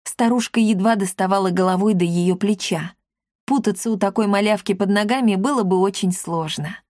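A woman reading a children's book aloud in an even, measured storytelling voice. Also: medium pitch, no echo, clean studio sound. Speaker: audiobook narrator. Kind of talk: scripted narration of a children's book.

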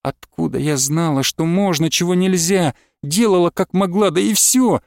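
A man's voice: high-pitched, normal speed, creaky, dry recording, clean studio sound. A man voicing a devoted young peasant wife who pleads in an earnest, tender rush of words. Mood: pleading.

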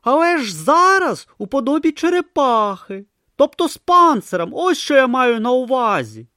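A man's voice: big pitch swings, normal speed, pushed and bright, no room sound, clean studio sound, exaggerated voice. A man voicing a timid, naive young male novice monk, anxious and flustered in an audiobook. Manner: anxious, flustered, high and breathless. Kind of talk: audiobook character voice.

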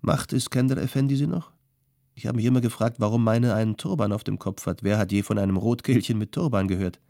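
A man's voice: fairly low pitch, fast talker, gravelly, warm tone, no room sound, clean studio sound. A male audiobook reader voicing a young former bandit, wistful and uneasy, asking earnest, anxious questions. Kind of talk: audiobook character voice.

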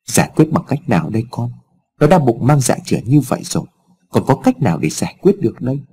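A man's voice: mid-range voice, sing-song, fast, dark tone. A man voicing a distraught older mother who laments anxiously, in a storybook reading. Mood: distressed.

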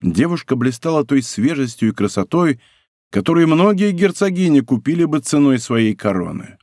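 A man's voice: fairly high pitch, sing-song, normal speed, darkish tone, dry recording, clean studio sound. A man reading a novel aloud as an audiobook narrator, telling the story expressively. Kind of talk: scripted narration.

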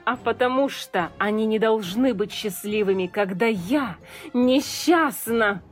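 A spiteful evil queen from a children's storybook, gloating as she drags out each mocking threat, as a woman reader puts her on. Her voice climbs higher and louder than a plain reading, with slow, stretched words. Faint music plays underneath. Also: expressive.

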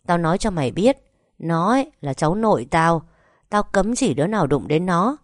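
A woman voicing a hot-tempered older mother-in-law who shouts and curses at her relatives. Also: on the low side, big pitch swings, normal speed, no room sound, studio quality. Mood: furious scolding. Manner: shouting, cursing, bossy.

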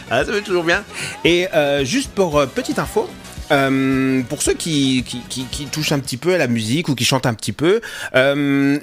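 A man hosting a music radio show, talking casually and often pausing with filler sounds into a studio microphone. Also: on the high side, a bit bright. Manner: hesitant, full of filler sounds. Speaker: radio host.

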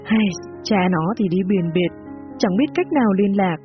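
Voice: mid-range voice, expressive, moderate pace, muffled recording, faint music behind, close to an everyday voice. A narrator voicing a kind, worried middle-aged mother. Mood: weary. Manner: warm, then weary sighing.

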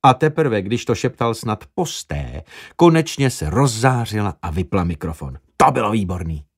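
Male audiobook narrator, animated intonation, expressive. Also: lowish voice. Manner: expressive storytelling.

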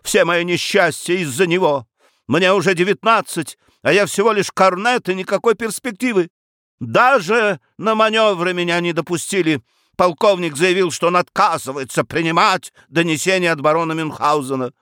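A man voicing a hot-headed nineteen-year-old male cornet who bursts out in shrill, indignant complaints. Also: very animated, a little fast, gravelly, hardly any pauses, a bit bright, breathy edge, no room sound, clean studio sound, full character voice. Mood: aggrieved.

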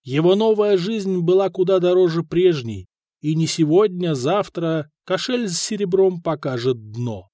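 A man narrating an audiobook in an expressive storytelling manner. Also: sits high, measured pace, dry recording, studio quality. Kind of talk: scripted narration.

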